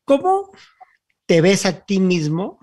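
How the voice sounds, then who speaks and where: A man's voice: high-pitched, huge pitch swings, slow, darkish tone. A man from Mexico hosting a podcast, asking long, rambling questions of his guest. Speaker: podcast host. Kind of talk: interview questions.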